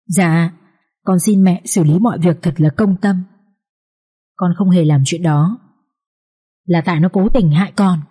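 A meek young daughter-in-law humbly pleads her innocence, as a woman reading the story puts her on. Her voice is soft and mellow, polite even under accusation. She sounds small and cornered. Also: on the low side, a little slow, long pauses, breathy edge. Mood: pleading.

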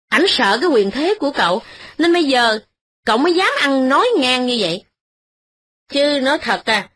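A woman's voice: a little high, bright, forceful tone, slightly rough, heavily acted. Give me a woman voicing a stern, indignant poor brother. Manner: lecturing, reproachful.

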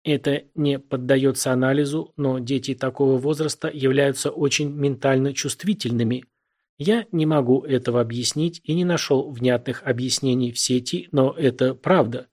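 A man's voice: mid-range voice, normal speed, a little mellow. Man reading a sci-fi audiobook. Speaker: audiobook narrator. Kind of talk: scripted narration.

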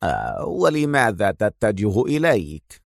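A cold crime boss, as a storyteller puts him on, low, slow and unhurried. He talks with quiet contempt in a dry, close recording. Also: lively intonation, dry recording, natural voice.

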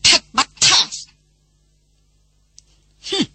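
A woman's voice: drawn-out words, pushed and bright, dry recording, heavily acted. A woman voicing a jealous, hot-tempered young male army officer in an audiobook novel. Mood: angry. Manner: angry outbursts, then pleading.

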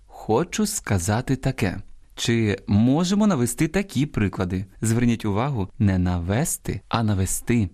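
A man with a Ukrainian accent presenting a scripted radio program on language, teaching correct word use and stress like a teacher and slowing down on each example word. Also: medium pitch, a little mellow. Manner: didactic, stresses example words slowly.

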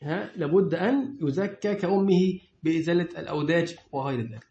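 Egyptian man, religious teacher, high voice, fires quick questions at his class; dull, lo-fi recording. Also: animated, mellow. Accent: Egyptian Arabic. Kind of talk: classroom lecture. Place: lecture room with students. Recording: echoey room, dull lo-fi sound.

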